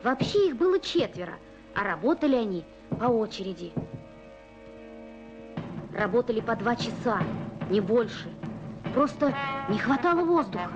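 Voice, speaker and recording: Casting: female newsreel narrator, fairly high voice, measured storytelling pauses, dull 1980s film sound with music underneath. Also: sing-song. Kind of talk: scripted newsreel narration for a children's documentary film.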